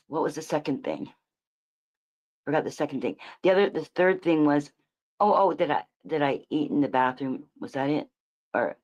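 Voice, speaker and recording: Woman streamer, lower register, rambling and profane reaction commentary. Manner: rambling, restarts often, swears.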